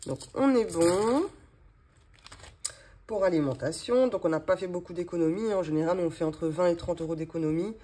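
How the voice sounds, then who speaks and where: Speaking with a regional French accent, a thirty-something budgeting vlogger rambles casually, heavy on fillers, while doing her monthly cash-envelope budget. Her fairly low voice is warm and slightly rough, moving at a normal speed.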